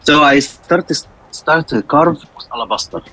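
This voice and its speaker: A man's voice: fairly high pitch, normal speed, crowd noise, rough recording. A man from Egypt with an Egyptian accent and Arabic as his first language, speaking simple non-native English as he tells his story in an interview, often repeating phrases. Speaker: interview guest, skull carver.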